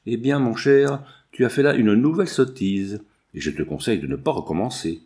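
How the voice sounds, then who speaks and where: A man's voice: mid-range voice, animated, a little fast, a little mellow, close to an everyday voice. A man reading the part of an ironic, worldly husband who lectures his friend, in an audiobook character reading. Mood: lecturing. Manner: teasing, lecturing, lightly ironic.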